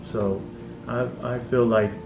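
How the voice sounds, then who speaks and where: A man's voice: medium pitch, steady tone, slow pace, recorded from a distance, background noise. A young man from California's Central Valley, a community college student, giving a hesitant, unscripted testimonial with frequent ums. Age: young adult. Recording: roomy, off-mic, music underneath.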